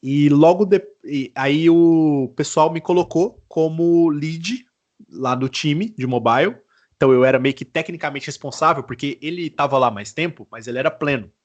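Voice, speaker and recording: A man from Goiás with a Brazilian Portuguese accent, a guest on a casual podcast interview, telling his story in a relaxed way with casual slang. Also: on the high side, moderate pace, lo-fi sound. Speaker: guest, mobile engineer.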